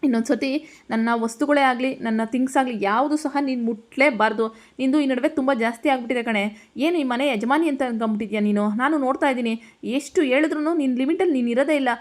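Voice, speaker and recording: A woman's voice: high-pitched, a little fast, lightly acted. A woman voicing a furious, scolding young husband. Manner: scolding, sharp and heated. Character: angry young husband scolding his wife.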